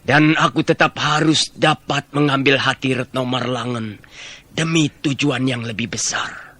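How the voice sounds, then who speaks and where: An actor playing a scheming, stern royal minister who speaks in a commanding, measured way in a radio drama. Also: male voice, medium pitch, a bit bright. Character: scheming middle-aged male minister, stern, calculating.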